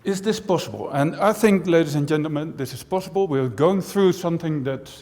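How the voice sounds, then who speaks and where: His voice is a little high, a little fast and slightly mellow. The speaker is a Dutch-raised professor giving a chatty conference talk, tossing in dry jokes and frequent asides. Long reverb from the large auditorium trails through the recording.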